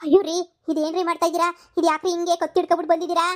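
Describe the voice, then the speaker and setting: A woman voicing a village mother and wife in a cartoon comedy, talking quickly and anxiously. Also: extremely high pitch, flat delivery. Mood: alarmed.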